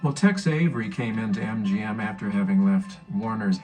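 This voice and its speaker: Lower-voiced man, measured explanation. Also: lively intonation, over music. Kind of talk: documentary interview.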